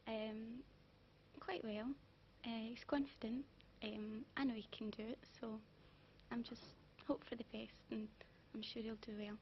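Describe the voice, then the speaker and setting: A woman of twenty answers an interviewer briefly and informally. Her voice is fairly high with a lot of creak. The recording is a dull, slightly noisy old TV broadcast. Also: flat delivery, unhurried. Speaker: interviewed supporter.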